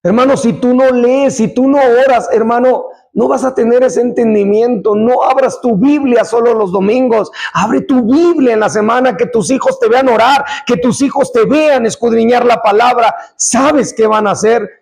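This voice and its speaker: A man preaching a sermon in an impassioned, exhorting way, repeating phrases and sometimes shouting. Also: extremely high pitch, normal speed, few pauses.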